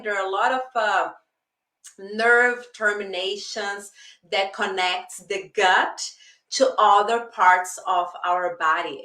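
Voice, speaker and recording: A woman's voice: medium pitch, distant mic. Earnest woman coaching in an echoey room. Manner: earnest, lively, acts out her own inner dialogue. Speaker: life coach hosting a live stream. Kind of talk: casual teaching monologue.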